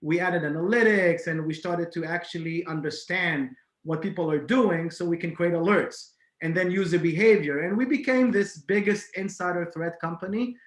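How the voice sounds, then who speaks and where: A man's voice: a little high, normal speed, hardly any pauses. A man from Israel, a guest on a podcast, telling his story in casual interview talk with many fillers and restarts. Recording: echoey room.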